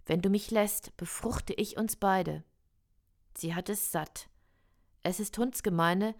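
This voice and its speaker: A woman reciting experimental prose poetry in a slow, measured, deliberate way. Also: mid-range voice, darkish tone.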